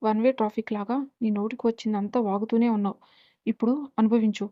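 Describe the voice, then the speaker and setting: A woman's voice: on the high side, flat delivery, fast talker, lo-fi sound, close to an everyday voice. A woman voicing a blunt young female student who scolds in a storybook reading. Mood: scolding.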